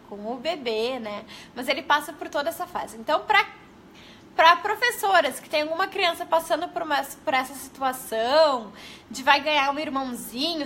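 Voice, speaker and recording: A young Brazilian woman educator chats through a live stream in a high, bright voice. She talks casually, greets her viewers and keeps tagging her sentences with questions. Her tone is sharp and forward. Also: slight background noise. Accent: Brazilian Portuguese. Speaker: early-literacy educator.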